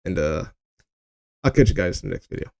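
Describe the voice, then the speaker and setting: A man's voice: sits low, animated, fairly quick, vocal fry, mellow, dry recording. A man hosting his own channel, talking through his opinions in a meandering, casual way with many fillers and restarts. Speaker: commentary channel host.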